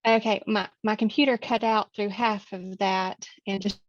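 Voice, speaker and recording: A woman's voice: medium pitch, fairly even intonation, no echo. Woman on a glitching, cutting-out call line. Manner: halting, broken-off phrases. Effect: choppy, cutting-out internet call audio. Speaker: webinar participant. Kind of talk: remote call remarks. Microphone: laptop microphone. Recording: muffled lo-fi call audio from far off.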